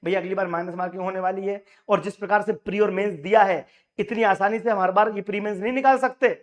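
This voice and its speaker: A hoarse man, a coaching teacher and union leader, speaking straight to exam aspirants in an emphatic, rallying way and repeating his key points. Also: high voice, steady tone, fast. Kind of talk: direct address to exam aspirants.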